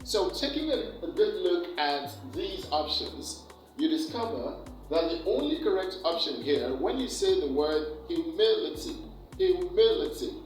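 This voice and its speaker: A man teaching an exam preparation lesson, slowly and deliberately, repeating key words for emphasis. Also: on the high side, far from the mic. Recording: echoey room, off-mic, faint music.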